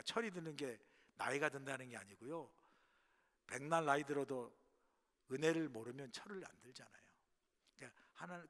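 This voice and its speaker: A middle-aged man preaching a sermon as pastor, telling stories, dropping to hushed asides and rising to loud bursts. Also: on the high side. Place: church sanctuary. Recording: long hall reverb.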